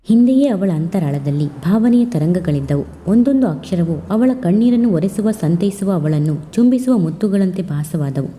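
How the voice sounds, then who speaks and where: A woman narrating a literary love story in a steady, expressive reading voice. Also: lowish voice, normal speed, hardly any pauses, slight background noise.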